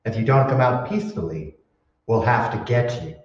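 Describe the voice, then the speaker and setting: A man playing a smug, formal villainous research director in a radio drama, speaking deliberately and with condescension. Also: medium pitch, expressive, close to an everyday voice. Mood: menacing, formal. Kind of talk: old-time radio drama acting. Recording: echoey hall, distant dull mic.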